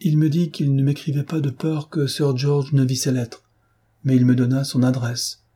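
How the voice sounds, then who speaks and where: A man's voice: medium pitch, flat delivery, moderate pace, mellow, breathy edge, lightly acted. A male reader voicing a heartbroken young woman in an audiobook, speaking in anguished, impassioned outbursts.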